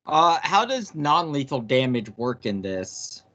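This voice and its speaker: Slow, bright-voiced hesitant man. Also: mid-range voice, big pitch swings. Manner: hesitant, thinking aloud. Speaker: tabletop game player. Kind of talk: casual game chat.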